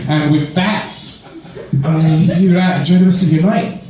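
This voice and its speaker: A man's voice: sits high, huge pitch swings, a little slow, crowd noise. A man with a London accent performing a conversational stand-up set, often laughing at his own jokes. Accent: London English. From London, England. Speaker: stand-up comedian. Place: comedy club stage. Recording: far from mic, roomy echo, faint club ambience.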